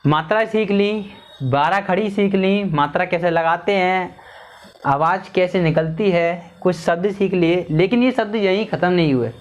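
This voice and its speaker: Slow, patient man sounding out syllables. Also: high voice, muffled recording. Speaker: Hindi teacher. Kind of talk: teaching lesson on vowel signs.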